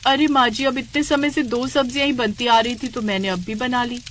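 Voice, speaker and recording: A woman's voice: on the high side, fairly even intonation, fairly quick, fairly bright tone, a little hiss or hum, natural voice. A woman voicing a naive, dramatic young daughter-in-law in a cartoon story. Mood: pleading. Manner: pleading, melodramatic.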